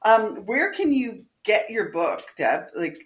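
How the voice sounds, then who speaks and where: A woman's voice: medium pitch, sing-song, takes it slowly, reverberant. A woman podcast host in casual interview chat, listening and encouraging with short affirmations.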